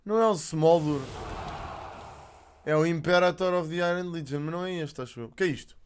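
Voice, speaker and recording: A man's voice: fairly high pitch, fairly quick, slight background noise. A man with a European Portuguese accent giving casual, slangy, sweary reaction commentary as a streamer, slipping in English. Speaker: streamer reacting to a game announcement.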